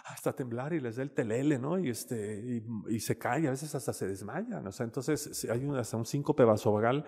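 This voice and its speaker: A man with a Mexican Spanish accent speaks as a panelist on literature and mental health, giving a casual, conversational slide lecture in a university lecture room and peppering his talk with "este" and "¿no?". His mid-range voice moves at normal speed, a little mellow and slightly rough, with reverberant hall sound.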